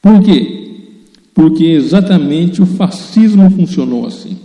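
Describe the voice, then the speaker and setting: A man's voice: on the high side, lively intonation, measured pace, mellow. An Italian-born man, a native Italian speaker, giving earnest, emphatic spoken commentary that addresses his listeners directly. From Italy. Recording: roomy echo with long reverb.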